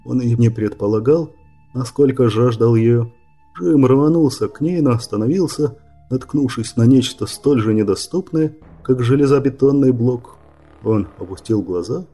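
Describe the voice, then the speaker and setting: Husky, dark-voiced male audiobook narrator. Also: mid-range voice, moderate pace, faint music behind. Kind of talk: scripted narration.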